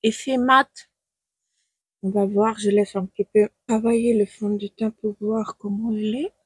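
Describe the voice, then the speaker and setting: A Ukrainian woman, a beauty stylist and makeup vlogger, chats hesitantly to camera at home in front of her makeup for a casual tutorial. She speaks French, not her first language, with a Ukrainian accent, searching for words. Her mid-range voice is steady and a little slow, with slight background noise.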